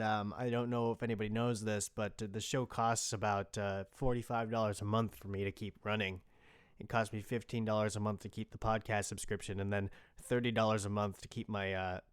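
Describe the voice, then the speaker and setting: The speaker is a man on the low side of pitch, hosting his own podcast with loose, unscripted, slightly profane rambling. His tone is clean, and the studio-quality recording has no room sound.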